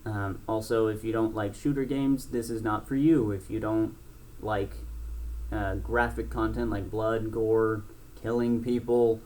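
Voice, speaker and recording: A man's voice: lowish voice, steady tone, measured pace, darkish tone. A man in his twenties, a gaming YouTuber, talking casually and bluntly to camera, rambling with many restarts and fillers. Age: 20s. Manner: blunt and frank, swears.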